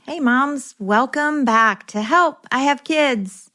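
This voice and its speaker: A woman's voice: sits high, slow pace, pushed and bright, faint music behind. A middle-aged woman hosting a parenting podcast interview, chatty and affirming with her guest. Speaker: podcast host.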